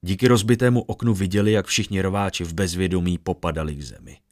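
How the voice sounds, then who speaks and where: A man's voice: sits low, a little mellow, no room sound, clean studio sound. A man reading a fantasy audiobook, narrating steadily.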